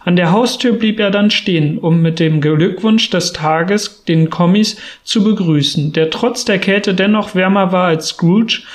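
A man narrating an audiobook in a steady storytelling manner. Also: sits high, a little slow, hardly any pauses. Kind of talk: audiobook reading.

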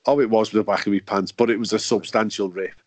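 A man's voice: on the low side, fairly even intonation, fast talker, no echo. A man hosting a podcast, chatty and joking, laughing often as he talks. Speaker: podcast host. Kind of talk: casual chat.

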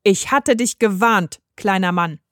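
A woman voicing Mechthild, a temperamental queen who keeps the fairy tales, in a storybook reading with a sharp, scolding delivery. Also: medium pitch, measured pace, no room sound, studio quality, lightly acted.

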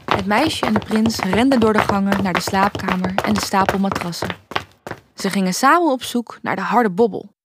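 A woman calmly and gently reading a children's bedtime story aloud. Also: mid-range voice, normal speed, noisy background.

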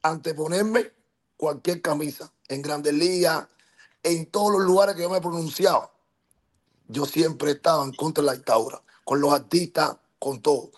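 A man's voice: a little high, moderate pace. A man with a Cuban accent speaking as a podcast guest, passionate and emphatic, who keeps checking that he is understood and pushes on to hold the floor. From Cuba. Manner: insistent, interrupts to hold the floor. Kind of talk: heated podcast talk.

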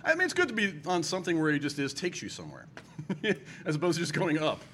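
Fast, lively man with bright voice. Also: a little high, a little hiss or hum. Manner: quick, animated, chatty. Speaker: podcast co-host and voiceover artist. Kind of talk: casual podcast chat.

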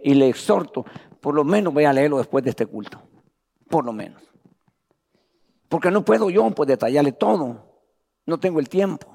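Male preacher, high voice, Bible study sermon in a church hall with a long echo tail. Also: gravelly, a little mellow. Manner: reads scripture slowly, addresses "hermano".

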